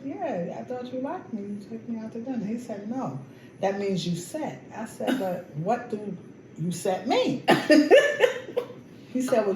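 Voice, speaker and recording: A middle-aged woman co-hosting a casual podcast, acting out the people in her stories as she tells them. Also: medium pitch. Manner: animated storyteller acting out dialogue. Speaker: co-host. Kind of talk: casual storytelling chat. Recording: echoey kitchen with noise.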